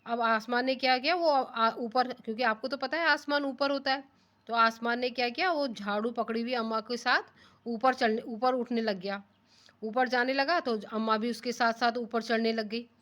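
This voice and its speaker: A fairly high-voiced woman teaching a primary class. She reads a story line by line, slows down for the text, then retells it in plainer words and keeps asking the children questions. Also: fairly even intonation, a bit bright. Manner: rereads lines slowly then explains them in simpler words; asks the class rhetorical questions. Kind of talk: reading and explaining a children's story.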